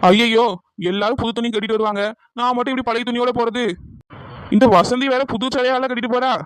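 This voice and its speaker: A woman's voice: a little high, fairly even intonation, quick pace, clean tone, no echo, close to an everyday voice. A woman voicing a fussy, scheming village mother in a cartoon, wailing and complaining theatrically. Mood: fretful. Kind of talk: cartoon voice acting.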